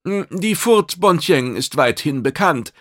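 A man's voice: a little high, expressive, measured pace, fairly bright tone, no room sound, studio quality, voice pushed up. A man voicing a diplomatic male mediator who soothes both sides in an audiobook.

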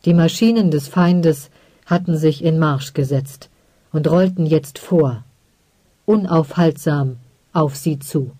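Brief: calm audiobook narrator, slow and measured, mellow tone, dry close recording. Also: mid-range voice, no echo. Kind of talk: scripted narration.

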